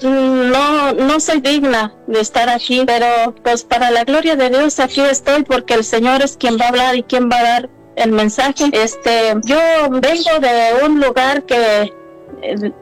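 Woman, high voice, nervous and halting, restarts a lot, soft music behind. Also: fairly even intonation, poor audio. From Mexico. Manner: halting, many restarts and fillers. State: a little nervous. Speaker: guest giving testimony. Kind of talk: religious testimony.

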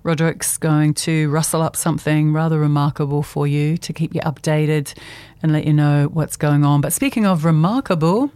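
Low-voiced woman hosting community radio. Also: normal speed, mellow. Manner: chatty, laughs easily, loose phrasing. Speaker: radio host. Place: radio studio.

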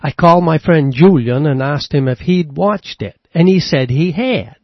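A male radio humorist reads a scripted piece in a dry, deadpan way. His voice is slightly high. The recording is dry, close and lo-fi. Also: moderate pace, no room sound. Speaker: radio commentator.

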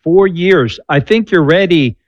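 A man's voice: a little high, measured pace, no echo. Man, 60s, doctor guest on call-in radio; upbeat coaching tone, dry lo-fi sound. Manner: upbeat, coaching, preachy at times. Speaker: doctor guest answering callers. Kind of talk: call-in show advice. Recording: dull slightly lo-fi sound.

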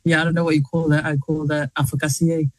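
Her voice is low and fairly monotone, delivered at a quick pace with no room sound. She's a New Zealand journalist in her 30s, a talk-show guest chatting casually, full of laughter, fillers, and restarts.

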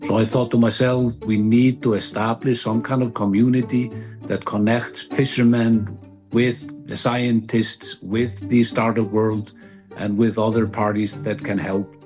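A man's voice: fairly low pitch, level tone, measured pace, darkish tone, faint music behind. Icelandic-born man telling his story. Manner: storytelling, with restarts. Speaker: interviewee, founder. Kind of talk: interview clip.

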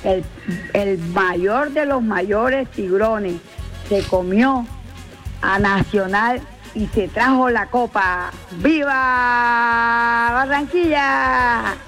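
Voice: mid-range voice, drawn-out words, a bit bright. A radio caller giving a casual, celebratory comment. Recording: faint music behind the voice.

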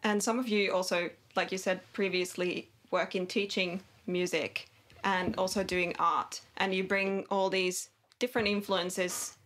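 A woman hosting a radio interview, asking steady, measured questions. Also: mid-range voice.

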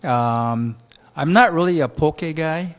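A middle-aged male chef from Japan answers interview questions and keeps restarting his sentences, padding them with fillers. His voice sits slightly high, and the recording sounds dull and lo-fi. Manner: rambling, halting, many fillers and restarts. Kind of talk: radio interview guest.

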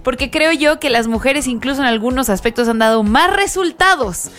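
High-voiced effusive woman host. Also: expressive, moderate pace, a bit bright. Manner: effusive, enthusiastic. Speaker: radio host. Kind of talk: radio show hosting.

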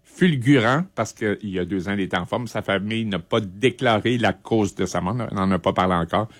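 Hosting a radio music segment, a middle-aged Quebec French-accented man speaks in a lowish voice, conversational and informative yet halting. The recording is dry.

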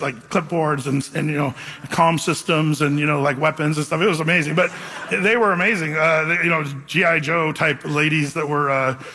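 A middle-aged pastor with a fairly high, sharp voice preaches a sermon full of storytelling. His delivery is casual and rambling, peppered with "man" and "you know." Long hall reverb and faint music sit behind him.

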